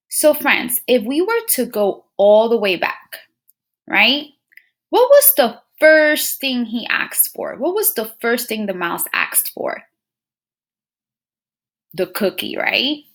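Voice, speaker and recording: A female teacher reads a picture book aloud to children, speaking slowly in a slightly high voice with very lively pitch. She's expressive, calls her listeners friends and scholars, and keeps them engaged by checking in with questions.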